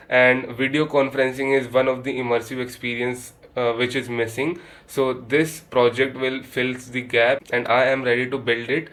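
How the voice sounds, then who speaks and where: A man gives a recorded project pitch in an even, flat voice that barely rises or falls. He pauses often with "uh" and restarts his phrasing. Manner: hesitant, many uh fillers, flat delivery. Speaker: program applicant presenting his proposal.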